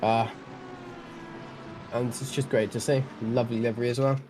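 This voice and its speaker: A young man with a Welsh accent talks casually through a live stream of a sim race, rambling and often restarting his sentences. His voice sits at a middle pitch. Clear engine noise runs under it. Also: level tone, normal speed. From Wales. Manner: chatty and self-deprecating, often restarting sentences. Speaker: sim racing stream commentator.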